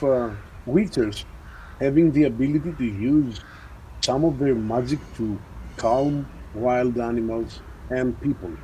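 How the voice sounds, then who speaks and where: A man narrating a tabletop role-playing game as game master, measured and descriptive. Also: mid-range voice, warm tone, slight background noise, rough recording.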